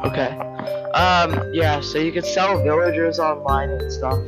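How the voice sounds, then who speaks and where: A young man with a fairly high voice talks excitably in a casual podcast among friends. His microphone is peaking, so every word comes through clipped and fuzzy with distortion. Loud music plays behind him. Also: unhurried. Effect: clipping, distorted peaking mic audio. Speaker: podcast co-host.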